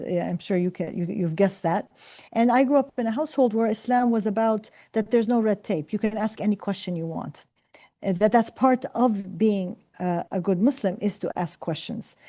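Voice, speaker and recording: Middle-aged woman professor, mellow tone, reflective and earnest, lots of fillers and restarts. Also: medium pitch. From Palestine. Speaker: professor and scientist. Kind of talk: career talk to students.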